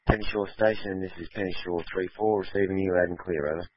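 A low-pitched man, heard fading in through static on a two-way radio, rattles off a clipped call sign and reply. The sound is muffled and lo-fi, like a field radio link. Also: fairly even intonation, quick pace. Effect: fading in over a two-way radio through static. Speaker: radio operator answering a check. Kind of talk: terse radio procedure. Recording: dull lo-fi radio transmission.

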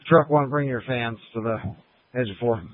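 A man's voice: mid-range voice, normal speed. A man acting as fire incident commander, giving terse orders over a two-way radio with bursts of static. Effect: two-way radio transmission with static bursts. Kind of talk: fireground radio traffic. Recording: tinny dry radio channel.

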